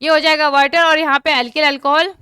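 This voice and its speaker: A woman's voice: high-pitched, level tone, fairly quick, bright, forceful tone, dry recording, studio quality. A young woman teaching an online chemistry class, often stopping to check whether her students have understood. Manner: repeatedly checks understanding, asks students to comment.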